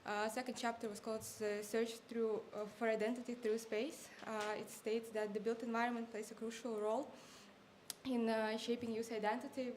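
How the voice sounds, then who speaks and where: A young woman in her twenties delivers a thesis defense in a fairly high voice. She sounds nervous and hesitant, with apologetic, formal academic phrasing. The live recording has clear background noise. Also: darkish tone. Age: 20s. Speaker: master's student defending a thesis.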